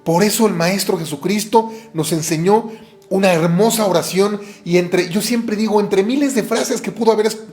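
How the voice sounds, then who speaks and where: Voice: mid-range voice, moderate pace, darkish tone, soft background music. A preacher with a Mexican Spanish accent giving a podcast sermon, retelling earnestly and repeating phrases. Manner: earnest retelling with repetitions and self-corrections.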